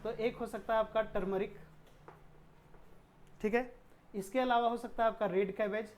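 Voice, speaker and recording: A woman's voice: on the high side, steady tone, normal speed, a little mellow. Woman teaching chemistry with rhetorical questions. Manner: asks rhetorical questions and answers them herself; mixes English technical terms into explanations. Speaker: science teacher. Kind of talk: classroom-style chemistry lesson.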